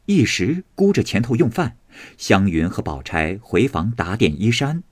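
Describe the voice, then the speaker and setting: A man narrating an audiobook of a classical novel with expressive storytelling. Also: fairly low pitch, unhurried, no room sound.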